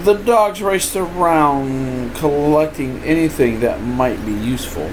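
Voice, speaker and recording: An older man, a grandfather at home, slowly reads a picture book aloud, tossing in playful asides. His somewhat high voice is informal and expressive. A clear, steady air-conditioning hum runs beneath the recording.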